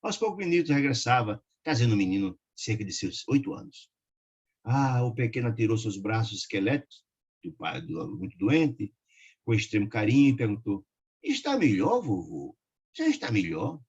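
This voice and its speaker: A man leading a study group, reading a religious book aloud and breaking off for warm asides. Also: on the low side, lively intonation, normal speed, breathy edge, dull audio. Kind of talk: reading and commenting a spiritist book.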